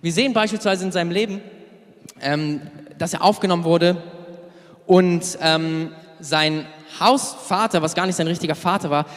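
A man preaching to young people, lively and casual, telling a story and acting out the characters' words. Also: sits high, moderate pace, big-room sound. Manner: lively storytelling with acted quotes, casual asides; loses his place, searches notes aloud. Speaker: youth preacher. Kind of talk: sermon.

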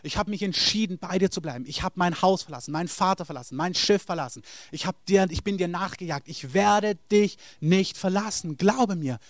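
A preacher playing an insistent Peter. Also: male voice, high-pitched, a little fast, few pauses, no room sound, pitched above the performer's own voice, close to an everyday voice. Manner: emphatic, protesting. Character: Peter, a fervent, stubborn male disciple.

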